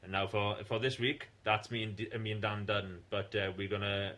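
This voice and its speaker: A man's voice: fairly low pitch, little pitch movement, pushed and bright. A man co-hosting a podcast in casual chat, blunt and sweary. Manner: blunt, swears freely, quick bursts of laughter. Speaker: podcast co-host.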